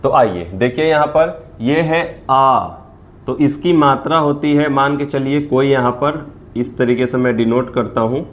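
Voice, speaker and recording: A man's voice: mid-range voice, measured pace. A man teaching a beginner lesson on the Hindi vowel signs, patiently repeating each sound and checking that students follow.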